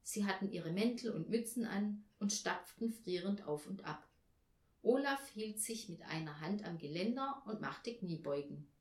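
A woman reading a children's Advent story aloud in a gentle, expressive way. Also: medium pitch, normal speed. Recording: echoey room.

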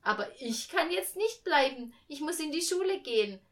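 A woman voicing a bright, cheerful little schoolgirl in a storybook reading. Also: high-pitched, lively intonation, moderate pace, pitched above the performer's own voice. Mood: eager.

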